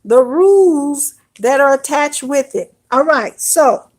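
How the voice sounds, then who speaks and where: A woman's voice: sits high, animated, slow pace, darkish tone. A woman teaching an online Hebrew lesson, explaining step by step and often checking in with "all right?".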